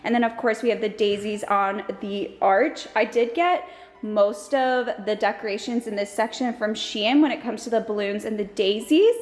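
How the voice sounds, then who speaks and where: A woman's voice: mid-range voice, normal speed, reverberant. A young woman vlogging at home in a chatty, bubbly way, a little out of breath. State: slightly out of breath. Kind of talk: casual vlog talk to camera. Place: family house indoors.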